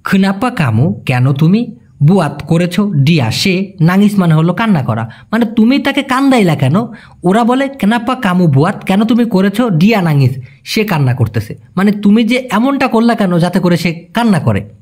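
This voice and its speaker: Male teacher, husky, lively pitch, slow and patient over each phrase. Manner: slows right down to spell out foreign phrases; repeats each sentence and breaks it word by word. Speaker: language teacher. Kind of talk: explaining phrases to viewers.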